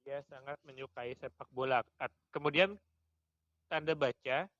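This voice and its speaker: A man teaches a class at an everyday mid pitch, pressing students with questions and slowing down to work through examples. The sound is muffled and dry, with little room around it. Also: a bit bright, no room sound. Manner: questioning, slow and deliberate with examples. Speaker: lecturer. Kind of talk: classroom discussion.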